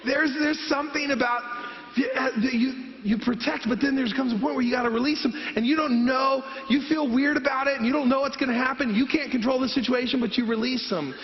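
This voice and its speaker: Pastor, man, high voice, storytelling sermon; dull, reverberant hall sound. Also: fairly even intonation, a little fast. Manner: storytelling, acts out voices of himself and his mom. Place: church sanctuary.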